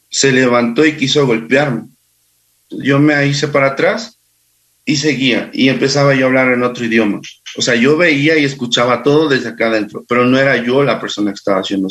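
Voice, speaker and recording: A man guest recounting personal experiences in a halting, unhurried way. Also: mid-range voice. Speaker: interview guest. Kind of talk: personal storytelling.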